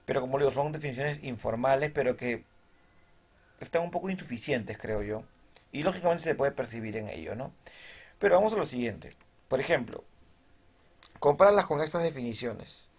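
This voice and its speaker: A man's voice: medium pitch, lively intonation, normal speed, pauses often, slightly rough. A male teacher giving a recorded lesson. He explains step by step, checks in with his students after nearly every point and reads definitions from the text aloud.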